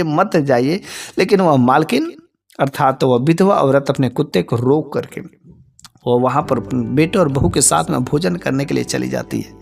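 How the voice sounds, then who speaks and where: A man narrating a devotional moral story in a plain, unhurried way, with frequent filler phrases. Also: sits high.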